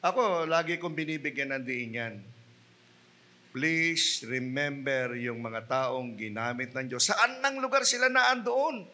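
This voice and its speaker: A Filipino man preaching a sermon in church, mixing English phrases into his talk, calling out to the congregation and swinging from quiet asides to loud, emphatic peaks. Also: mid-range voice, animated, a little slow. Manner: mixes English into Tagalog, asks the congregation "Hello?" and "Amen?". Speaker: pastor.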